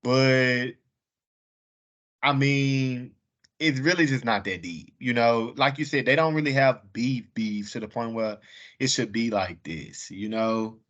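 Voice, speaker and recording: A man's voice: medium pitch, slow, fairly bright tone. A man hosting a casual chat show, talking loosely and often checking in with his co-host. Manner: loose, chatty, often asks "you get what I'm saying?". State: hiccuping from wine. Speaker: podcast host. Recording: dull lo-fi audio.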